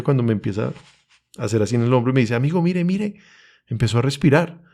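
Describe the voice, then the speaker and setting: A man's voice: medium pitch, mellow. A young man with a Bogotá accent, telling an emotional personal testimony as a podcast guest in an urgent, earnest way. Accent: Colombian, Bogotá. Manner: earnest, urgent storytelling, reenacts his own pleas.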